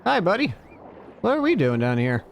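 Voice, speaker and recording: A man's voice: high-pitched, huge pitch swings, moderate pace, gravelly. A man giving casual, offhand video game commentary, rambling to himself, with some static on the mic.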